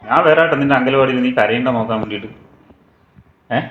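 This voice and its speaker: A father gently needles his little one with question after question in casual vlog chat. His voice sits at an ordinary middle pitch. It bounces around a roomy home and comes through muffled, with steady noise behind. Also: fairly quick. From Kerala. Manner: teasing, playfully quizzing a small child. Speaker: father and village vlogger. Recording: roomy, dull, noisy home recording.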